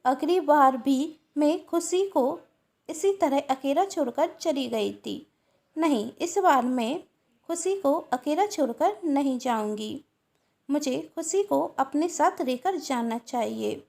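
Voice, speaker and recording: A woman voicing a kind, caring young woman of the house who speaks gently and politely. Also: high-pitched, animated, slow, gravelly, heavily acted. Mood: worried.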